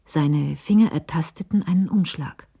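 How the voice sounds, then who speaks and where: With literary care, a woman narrates a crime radio play at a measured pace. Her very low, dark voice is soft at the edges, creaky and husky.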